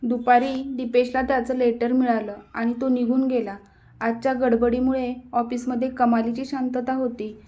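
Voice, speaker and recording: Woman storyteller, scripted narration, high and flat. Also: moderate pace, dull audio.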